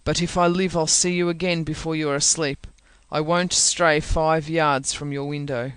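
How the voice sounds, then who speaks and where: A reader voicing a brooding, passionate man in an audiobook, speaking low and intense. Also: fairly even intonation, moderate pace, a bit bright, clear, resonant tone, dry recording, close to an everyday voice. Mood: urgent. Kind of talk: audiobook character reading.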